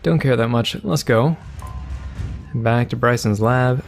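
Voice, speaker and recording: A man hosting a let's play, giving casual gameplay commentary in a rambling, halting way, searching for words. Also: medium pitch, vocal fry, over loud music.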